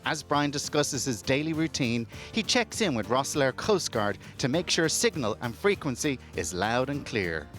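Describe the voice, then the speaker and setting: A man's voice: mid-range voice, big pitch swings, normal speed, hardly any pauses, a bit bright. A man reading scripted narration as a television reporter. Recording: voice-over with clear music bed.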